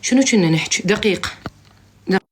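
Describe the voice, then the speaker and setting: Fast-talking woman, blunt and teasing. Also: medium pitch, lively intonation, slight background noise. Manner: teasing, blunt, joking scolding. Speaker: live-stream host giving advice. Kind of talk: comic advice chat on a live stream. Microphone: phone live stream.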